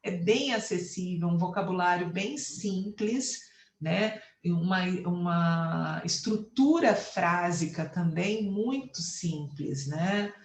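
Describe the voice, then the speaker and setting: A woman's voice: on the low side, slow pace, echoey room, slight background noise. A Brazilian woman teacher with a Brazilian Portuguese accent, explaining a lesson patiently and counting syllables aloud. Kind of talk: online class lecture.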